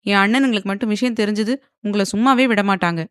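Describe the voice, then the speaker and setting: A woman's voice: mid-range voice, steady tone, fast talker, clear, resonant tone, no room sound, clean studio sound, lightly acted. A woman voicing a proud young woman who answers back angrily and sarcastically, in an audio novel. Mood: defiant. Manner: angry, sarcastic.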